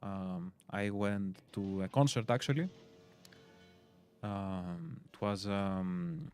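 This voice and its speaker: A Greek man in his twenties hosts a community stream, chatting casually while he plays. His voice is low and darkish and his pace is slow, with faint music in the background. He rambles and hesitates, leaning heavily on fillers.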